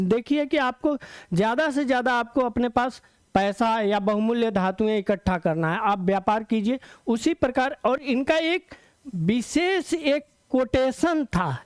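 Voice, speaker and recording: A male teacher gives an exam-prep lecture in a smooth, clear voice. He explains step by step, repeats key terms and asks himself questions before answering them. The sound is close and dry, with no room echo. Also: very high-pitched.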